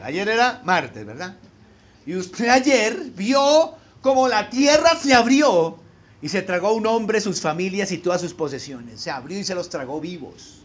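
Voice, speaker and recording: A man preaching a sermon as pastor. He talks straight to his listeners with rhetorical questions and swings from hushed low asides to loud emphatic peaks.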